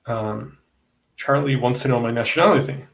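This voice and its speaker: A man's voice: mid-range voice, moderate pace, creaky, echoey room, low-quality recording. A man from Italy with an Italian accent, hosting a casual debate podcast and speaking bluntly, with some profanity. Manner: blunt, heated, profane about opponents. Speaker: podcast host.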